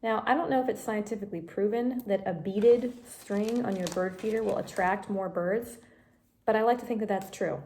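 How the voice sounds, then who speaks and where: A woman's voice: medium pitch, normal speed, darkish tone, a little hiss or hum. A woman teaching a home craft tutorial on a phone camera, explaining each step patiently and coaching a child beside her. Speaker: craft instructor.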